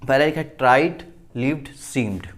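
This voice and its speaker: A man with an Indian accent teaching English grammar in Hindi at a board, explaining slowly and repeating words, often checking with "okay?". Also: medium pitch. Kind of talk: classroom grammar lesson at a board.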